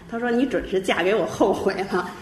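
Fast-talking lady sharing her testimony, laughy, roomy echo. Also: mid-range voice. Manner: lively storytelling, chuckling often. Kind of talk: personal testimony in an interview.

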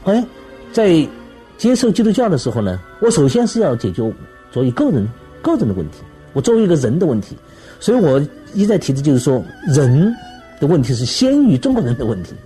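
A man, a scholar, explaining his views in a measured, deliberate interview manner. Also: on the high side, huge pitch swings, warm tone, soft background music. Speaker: scholar and lecturer.

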